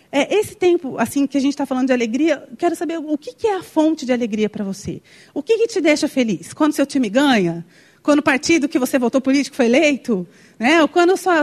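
High-voiced woman preaching in a hall. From Brazil. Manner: personal storytelling, heartfelt, with exclamations. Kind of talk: sermon. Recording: long hall reverb.

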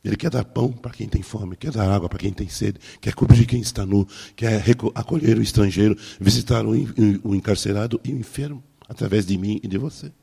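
A man's voice: on the low side, fairly quick, creaky, hardly any pauses, breathy edge. A man, a pastor preaching a sermon and telling personal stories, acting out the dialogue. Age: 60s. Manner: storytelling, acting out dialogue with soft laughs.

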